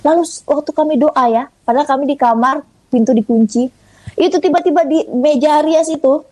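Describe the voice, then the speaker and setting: A woman from Indonesia giving a conversational testimony in an interview, telling her story in a lively way and acting out the dialogue. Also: sits high, fairly quick, no echo, rough recording. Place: online audio room.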